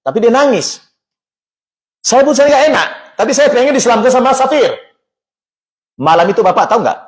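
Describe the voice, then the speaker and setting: A man giving a religious talk at a mosque, telling a story in an animated way and acting out the dialogue. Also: very high voice, a little fast. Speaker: religious teacher.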